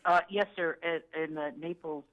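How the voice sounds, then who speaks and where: A woman's voice: sits low, fairly even intonation, moderate pace, narrow, tinny audio. A woman in her sixties calling in to a vet show, polite and a little hesitant, with frequent "uh" fillers. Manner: polite, hesitant, uses "uh" and "yes, sir". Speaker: caller.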